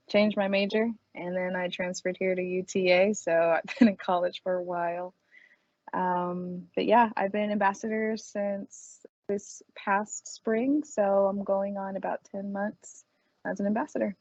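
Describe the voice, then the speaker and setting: A woman in her twenties from Texas introduces herself in an easy, fluent way. Her voice is mid-pitched and dry. The audio is slightly muffled. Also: darkish tone, no echo. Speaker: engineering student ambassador. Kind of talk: self-introduction on a panel.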